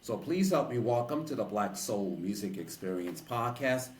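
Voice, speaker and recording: A man from New York hosting an interview podcast, speaking in a formal, deliberate way. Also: medium pitch, expressive, echoey room, poor audio. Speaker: podcast host and DJ.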